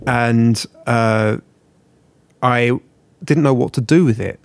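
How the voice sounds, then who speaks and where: A man's voice: mid-range voice, slow pace, gravelly, smooth, no echo. A man rambling on in a casual chat, self-deprecating and sweary.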